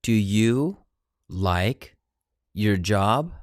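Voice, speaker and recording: Teacher voice for phrase drills: slow, chunked repetition, dry close sound. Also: medium pitch, lively intonation, no room sound. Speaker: language teacher.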